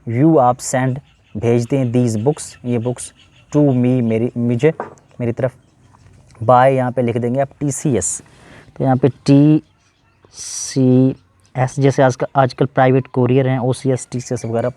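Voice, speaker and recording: A man's voice: mid-range voice, level tone, slow, warm tone. Patient Pakistani man teaching English. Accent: Pakistani Urdu. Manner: patient, mixes English with Urdu explanations. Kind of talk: explaining a letter-writing lesson.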